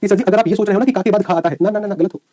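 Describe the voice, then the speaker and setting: A man's voice: high voice, dark tone, dry recording. A man teaching an online exam-prep lecture, repeatedly checking in with his students. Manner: rapid, repetitive checks with students.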